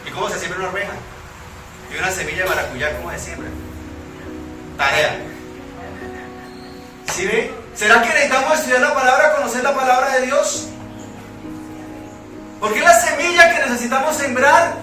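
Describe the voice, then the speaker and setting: A Colombian-accented man preaches a sermon and keeps asking the congregation rhetorical questions. His voice sits very high and sounds bright and forceful. He is recorded from a distance in a very echoey church hall, with faint music behind him. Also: moderate pace, pauses often. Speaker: pastor.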